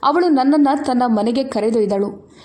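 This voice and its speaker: A woman voicing a solemn male judge who speaks in a grave, measured way. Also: fairly high pitch, a little mellow, lightly acted. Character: grown man, a solemn judge.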